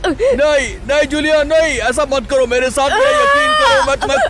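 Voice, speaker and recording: A man dubbing a horror film role, playing an unstable, obsessive male killer who pleads softly and breaks into anguished cries. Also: medium pitch, normal speed, a crowd in the background, background noise, natural voice. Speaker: dubbing actor. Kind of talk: Hindi-dubbed horror film acting.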